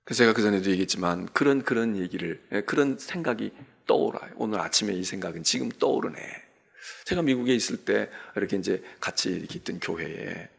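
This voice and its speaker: Middle-aged pastor man doing a chatty morning sermon, kinda husky, voice jumps up and down a lot. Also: lowish voice, lively intonation, quick pace. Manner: conversational storytelling sermon, asks the congregation "예?". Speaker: senior pastor. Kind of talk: early-morning Lent sermon. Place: church sanctuary.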